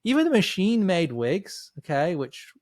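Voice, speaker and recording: A man's voice: sits high, very animated, normal speed, darkish tone, dry recording. A middle-aged man from the north of England hosting a casual interview, effusive and enthusiastic. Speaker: host.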